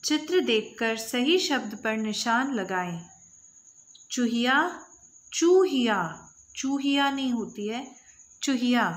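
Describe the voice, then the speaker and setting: A woman teacher reading out a lesson for young children, pronouncing each word slowly and repeating it with emphasis. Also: a little high, low-quality recording. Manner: slow, drawn-out word-by-word pronunciation.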